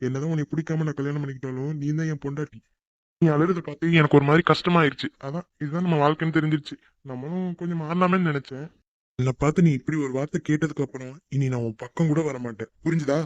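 A man voicing a curt, quick-tempered husband. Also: on the high side, steady tone, dry recording, close to an everyday voice. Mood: indignant. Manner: curt, scolding. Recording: dull, muffled dry recording.

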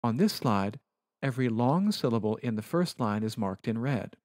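A man at a mid pitch lectures on Latin verse in a careful, precise way, as if walking through slides. The recording is close and dry, with no room sound. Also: animated, a little mellow, no echo. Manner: measured, precise, explanatory.

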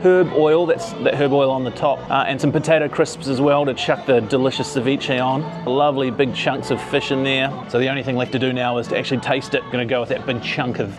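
Touring rooftop bars outdoors and under cover, a New Zealand-accented man in his forties films his casual food and travel vlog on a handheld camera, with music in the background. He chats enthusiastically and exclaims over what he tastes, speaking a little fast at medium pitch with hardly any pauses.

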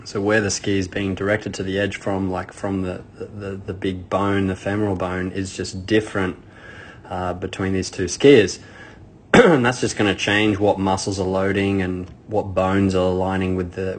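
With a deep voice and a little hiss or hum on the recording, a ski coach talks casually over video footage in a breakdown commentary. He thinks aloud, full of fillers and restarts.

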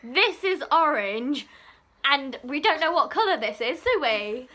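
A woman's voice: high voice, sing-song, measured pace, pushed and bright. A young British woman in casual, teasing banter while eating gross jelly beans. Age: young adult. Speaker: vlogger. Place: living room, indoors. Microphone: camera mic at a short distance.

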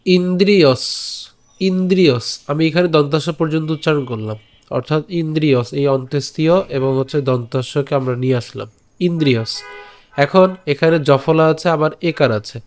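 Guy teaching how to say old verses, a bit high voiced, repeats each syllable over and over, slow and careful. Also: a little mellow. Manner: spells out syllables slowly and repeats each one. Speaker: scripture teacher. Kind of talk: slow recitation lesson.

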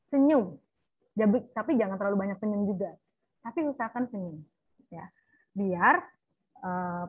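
A woman's voice: medium pitch, no room sound. Woman, middle-aged, university lecturer, chatty with fillers, thin tinny sound, dry. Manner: chatty, frequent "ya" and "nah" fillers. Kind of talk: online lecture to students.

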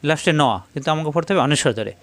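A patient man giving a Quran reading lesson with a smooth, clear, rather high voice. He spells each word out syllable by syllable and then recites it slowly. The sound is close and dry. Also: dry recording. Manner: patient, repeatedly tells listeners to pay attention. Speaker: Quran teacher.

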